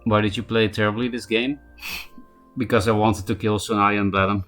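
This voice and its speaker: A man with a Polish accent livestreams a card game, his lowish voice steady and a bit bright over faint background music. He chats casually, greets viewers by name as he answers them, and tosses in quick asides while he plays.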